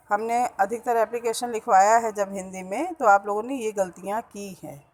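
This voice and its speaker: A woman's voice: medium pitch, rough recording. A woman teacher giving a school grammar lesson, patiently repeating words to show the correct pronunciation. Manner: slow, patient, repeats each word to stress correct pronunciation.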